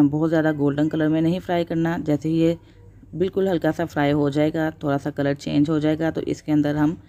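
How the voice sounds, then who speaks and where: Low-pitched woman, calm step-by-step recipe voice-over for her own channel. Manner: steady instructional narration with religious blessings. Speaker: cooking channel host. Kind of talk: voice-over cooking tutorial.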